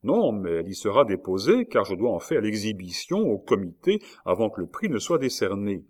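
A man's voice: lowish voice, very animated, brisk. A man reading aloud plays a frail, fussy older official, speaking in a pompous, exclaiming way.

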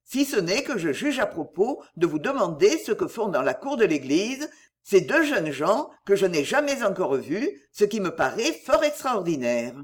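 A blunt older gentleman makes stiffly polite remarks, as a reader puts him on. The tone stays close to the narration, lively and somewhat husky. It is an audiobook reading of a classic novel. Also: mid-range voice, moderate pace.

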